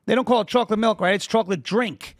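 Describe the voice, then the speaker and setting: A man in his thirties from New York, with a high-pitched voice, talks through his argument in a casual political discussion. He leans on everyday examples and keeps asking "right?" to draw the others in. He is recorded close on the mic in a dry room with no echo. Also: fast. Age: 30s. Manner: explains with everyday examples, asks rhetorical "right?". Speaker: podcast panelist.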